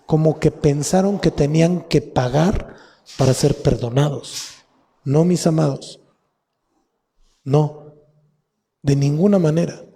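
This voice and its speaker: A man with a Mexican Spanish accent preaching a sermon as pastor, teaching slowly and spelling out word roots with repetition. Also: a little high, mellow, husky. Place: church hall. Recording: long reverb of a church hall.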